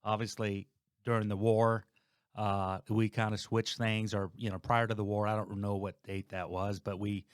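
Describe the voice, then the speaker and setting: A man's voice: lowish voice, level tone, moderate pace, clean tone, no room sound, studio quality. A man in his late fifties, a guest on a podcast, talking casually and thinking aloud with many restarts. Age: 50s. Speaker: guest, host's father.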